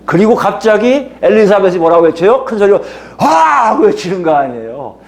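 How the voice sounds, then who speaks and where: A male pastor preaching an expository sermon in an animated way, asking many rhetorical questions. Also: sits high, a little fast.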